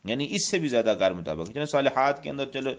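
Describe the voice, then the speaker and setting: A Quran teacher with a Pakistani Urdu accent gives a religious lesson on Quranic script, explaining step by step, repeating points and reciting Arabic verses. His voice is medium-pitched and expressive.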